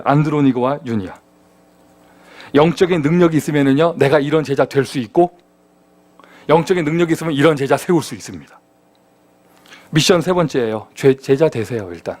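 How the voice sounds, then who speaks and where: Animated Korean pastor preaching. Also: male voice, mid-range voice. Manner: animated, conversational preaching with rhetorical questions. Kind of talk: sermon. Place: church sanctuary.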